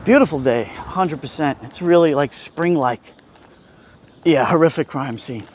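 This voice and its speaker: Male walking-livestream host, Brooklyn Italian-American accent, slightly high voice, casual chat over outdoor street noise. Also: unhurried. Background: street ambience, passing vehicles.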